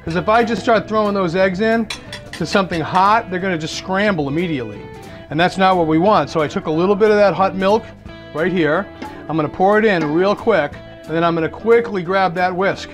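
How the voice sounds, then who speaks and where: A middle-aged man with a Massachusetts accent talks through a recipe step by step, chatty and easygoing. His voice sits high for a man. Clear music plays underneath him the whole time. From Massachusetts, USA. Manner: chatty, explains steps as he cooks, laughs at himself. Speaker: host cooking for dinner guests. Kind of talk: casual cooking demonstration. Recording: music playing behind the voice.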